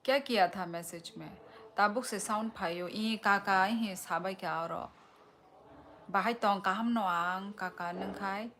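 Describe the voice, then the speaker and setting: A woman hosting a casual live stream, reading out viewer comments and answering them in an unhurried, teasing way. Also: mid-range voice, a bit bright, slight background noise.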